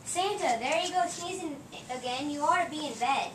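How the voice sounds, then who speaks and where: A woman's voice: high-pitched, normal speed, natural voice. A woman playing a fussing, bossy Mrs. Claus who scolds her husband in an amateur play reading. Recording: echoey room, distant mic, noise.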